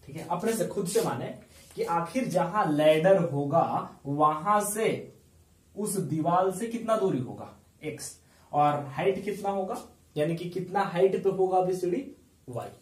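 A man's voice: sits high, lively intonation, unhurried. A man teaching a math lesson with a Bihari Hindi accent, explaining step by step and answering his own questions. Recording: echoey room, mic far off.

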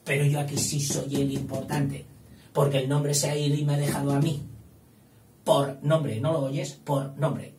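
A man's voice: fairly high pitch, level tone, normal speed, over music, close to an everyday voice. A man voicing a pronoun word that scolds another word and insists it is the important one. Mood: scolding. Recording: echoey room, distant mic.

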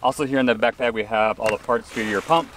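A man casually unboxing gear for a vlog, relaxed and upbeat, recorded on a camera mic at a distance. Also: mid-range voice, fast talker. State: briefly out of breath after pumping. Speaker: paddleboard vlogger. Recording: distant mic with background noise.

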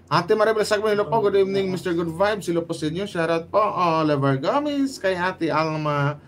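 Filipino man hosting a lively livestream. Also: high voice, slight background noise. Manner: lively, greets commenters by name, quick asides. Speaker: livestream host. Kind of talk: casual livestream chat reading viewer shoutouts.

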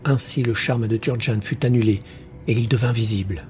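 A man narrating a fantasy story for an audiobook in a measured, deliberate way. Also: mid-range voice, steady tone, a little mellow, a little hiss or hum.

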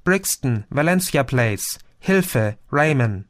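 A man's voice: mid-range voice, expressive, slow. A man reading an audiobook voicing a frightened young woman who speaks urgently and out of breath.

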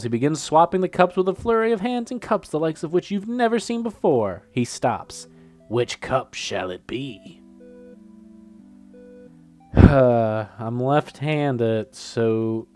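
Still sniffling from a cold, a young gameplay commentator reads game text aloud in a lively, swinging, slightly high voice, laughing and easily flustered. He swears whenever the game confuses him, while faint game music plays behind.

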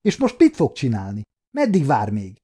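A man voicing a furious, aggressive human prisoner who talks in shouting, breathless outbursts, in a storybook reading. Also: medium pitch, huge pitch swings, husky.

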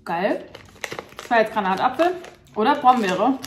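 A young woman reviews sweets as she chews, her words muffled by a mouth full of candy. She talks in a chatty, enthusiastic way, thinking aloud, with a fairly high voice. The room sounds echoey, and soft music plays underneath. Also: animated, moderate pace. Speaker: food vlogger. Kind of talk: casual taste-test review.

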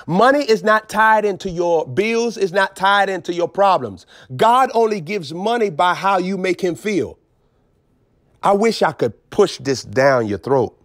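A man preaching with emphatic swings between low intensity and raised outbursts. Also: animated, measured pace, fairly bright tone, no room sound, studio quality. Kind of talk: preaching on a phone broadcast.

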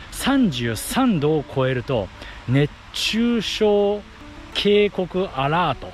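A man explaining things to the camera in short phrases as he talks while running outdoors. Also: mid-range voice. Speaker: running vlogger and athletic trainer. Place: outdoors on a path by fields. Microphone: action camera at arm's length.

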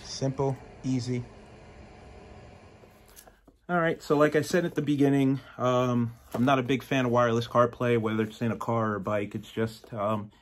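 A motorcycle audio shop owner demos and reviews gear casually in a garage workshop with a motorcycle, filmed on a phone camera held at arm's length. His mid-range voice is plain-spoken and matter-of-fact, full of ums and uhs.

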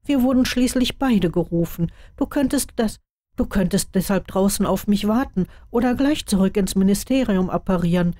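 A concerned young wizard with a soft, caring way of speaking, as a woman reading a story voices him. The voice sits a little higher than the reader's own narration, warm and dark in tone. It is heard close and dry, with no room around it. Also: expressive, moderate pace, no echo, lightly acted.

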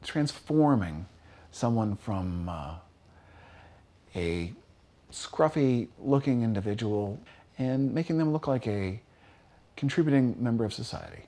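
A man's voice: medium pitch, lively intonation, measured pace, pauses often, warm tone. A man in his sixties from Pennsylvania, a barbershop owner speaking in a documentary interview, hesitant with many fillers and restarts. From Pennsylvania, USA. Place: small wood-panelled barbershop. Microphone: seated, medium camera framing. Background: music.

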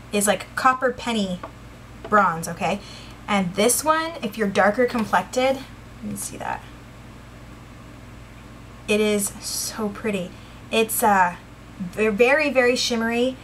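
A woman's voice: mid-range voice, a bit bright, a little hiss or hum. A woman chatting casually through a makeup review, a little out of breath, full of fillers and enthusiasm, recorded indoors on a camera mic. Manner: chatty, filler-heavy, enthusiastic about products. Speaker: beauty vlogger.

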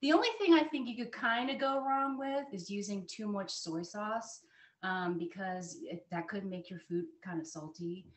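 A woman in her forties walks viewers through a recipe in a relaxed, chatty way with plenty of fillers. Her voice sits at an ordinary middle pitch. It is picked up by a camera set back from her, so it echoes off the walls of the dining room. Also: moderate pace. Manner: chatty and friendly, frequent fillers. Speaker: cooking instructor. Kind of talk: live cooking demonstration. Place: home dining room, indoors. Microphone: fixed camera at a distance.

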